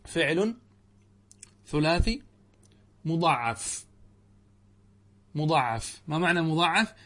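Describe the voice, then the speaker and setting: A middle-aged man, a sheikh teaching Arabic grammar in a lesson, explaining step by step and asking his students questions before answering them. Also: on the high side. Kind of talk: classroom lesson commentary.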